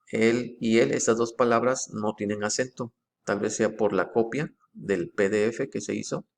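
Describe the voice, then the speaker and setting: A man going page by page through a book, comparing editions and slowly reading out quoted phrases. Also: on the low side, vocal fry. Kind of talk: methodical page-by-page explanation.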